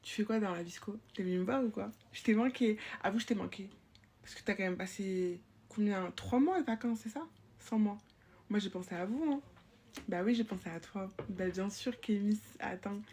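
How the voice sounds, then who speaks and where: A woman's voice: medium pitch, moderate pace, dark tone, breathy edge. A woman playing a chatty school supervisor. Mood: teasing. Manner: rambling, slangy, teasing. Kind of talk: comic POV sketch.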